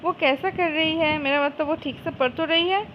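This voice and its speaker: A woman reading a fan story and voicing a calm, polite young man who runs a company, in her own high voice. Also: moderate pace, lo-fi sound, a little hiss or hum, natural voice. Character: young male company boss [name].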